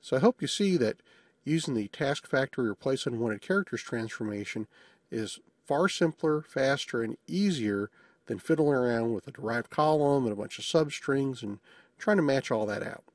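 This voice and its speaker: A man talks through a software demo in a relaxed, matter-of-fact way, throwing in the odd small joke. His mid-pitched voice is a bit husky. It is recorded dry and close, with no room sound. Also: normal speed, dry recording. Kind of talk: screencast tutorial narration.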